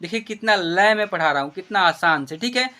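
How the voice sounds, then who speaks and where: A man teaching Hindi script in a classroom lesson, drawing out syllables in a slow chant and checking that the children follow. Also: sits high, expressive, sharp tone. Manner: instructive, checks understanding with the class.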